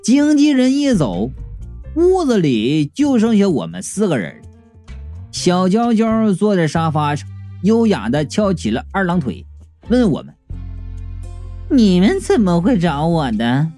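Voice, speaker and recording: A man reading a comic audio novel aloud, lively and jokey with quick asides. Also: sits high, soft background music. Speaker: storyteller.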